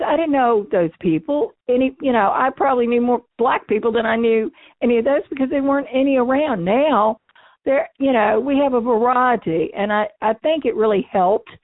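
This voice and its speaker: A woman's voice: on the high side, dry recording. Casting: older woman, interviewee, frank and informal, numb-faced diction, narrow telephone-like audio. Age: 60s or older. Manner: numb-mouthed speech from a numb nose and face; candid, emphatic, informal. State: numb face and nose. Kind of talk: oral history interview, casual recollection. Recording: thin, phone-like, band-limited sound.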